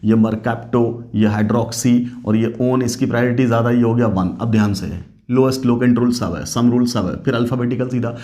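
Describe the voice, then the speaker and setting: A man teaching an online chemistry class, quizzing his students and answering his own questions, keeping his voice low because it is late at night. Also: fairly even intonation, normal speed, hardly any pauses. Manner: quizzing students with call-and-response; speaking softly late at night.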